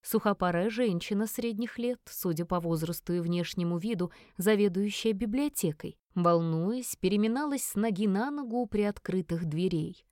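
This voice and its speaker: A woman narrating a first-person fantasy audiobook in a lively, expressive reading. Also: mid-range voice, moderate pace, hardly any pauses, dry recording, clean studio sound.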